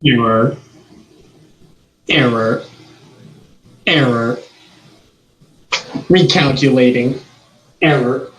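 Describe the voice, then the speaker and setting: A man doing a glitching robot. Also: mid-range voice. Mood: malfunctioning. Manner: flat, loud, halting robotic delivery. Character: glitching male robot stuck repeating errors. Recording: echoey room, voice from far off.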